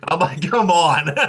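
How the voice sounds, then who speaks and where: A man's voice: very high voice, sharp tone, slightly rough. A man in his late forties hosting a podcast, teasing his co-host and laughing often. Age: late 40s. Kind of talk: casual interview chat.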